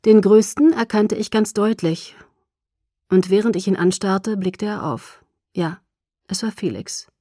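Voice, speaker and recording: Mellow woman narrating an audiobook. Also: mid-range voice, measured pace, no echo, clean studio sound. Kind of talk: first-person audiobook narration.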